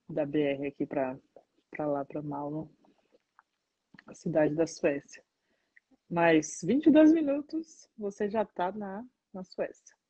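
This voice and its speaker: Casual Bahian woman in her thirties, lowish husky voice, lively storytelling chat, dry dull lo-fi sound. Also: dry recording. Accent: Bahian Brazilian Portuguese. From Salvador, Bahia, Brazil. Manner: chatty and animated, often slowing to stress words. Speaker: dance and capoeira teacher. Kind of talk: casual online chat answering viewer questions. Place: indoors, seated in front of a painted mural.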